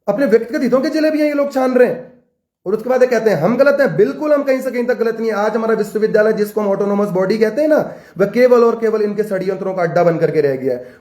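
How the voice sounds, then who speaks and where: A man's voice: high-pitched, darkish tone, roomy sound. A young man from Uttarakhand, a student leader, giving an impassioned political address to camera with fiery, repetitive rallying rhetoric. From Uttarakhand, India.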